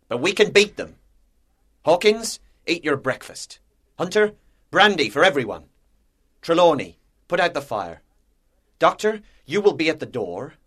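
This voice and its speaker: A man's voice: on the high side, very animated, measured pace, pauses often, a bit bright, pitched above the performer's own voice, full character voice. A man voicing a stern, resolute ship's captain in storybook dialogue, authoritative and giving clipped orders. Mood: commanding.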